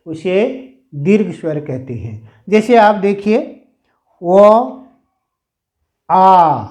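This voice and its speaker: A male teacher with a high, mellow voice explains grammar to a class, slowly going over points again and again and elongating sounds to demonstrate them.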